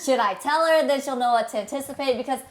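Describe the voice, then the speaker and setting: A woman hosting a podcast, chatting casually and excitedly with her guest. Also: high-pitched, quick pace. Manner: bubbly, excited, sings out greetings. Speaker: podcast host. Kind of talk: casual interview chat.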